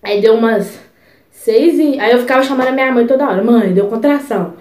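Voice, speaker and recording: A young woman vlogger telling a personal story in a chatty, expressive way, full of asides. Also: on the high side, fast talker, reverberant. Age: young adult. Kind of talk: casual storytelling.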